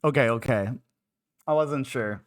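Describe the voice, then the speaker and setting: A man's voice: medium pitch, unhurried, dry recording, studio quality. Unwell male streamer rambling along. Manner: rambling, full of "like" fillers. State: unwell and queasy. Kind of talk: casual live-stream chat.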